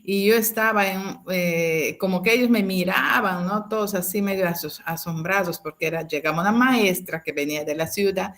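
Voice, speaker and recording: A woman in her fifties, speaking on a video call as a teacher recalls her early years in the classroom. She tells the story with many restarts, repeated words and little tag questions, at a middle pitch. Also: normal speed, hardly any pauses, a bit bright. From Peru. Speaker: teacher sharing a testimony. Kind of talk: personal anecdote in an online class.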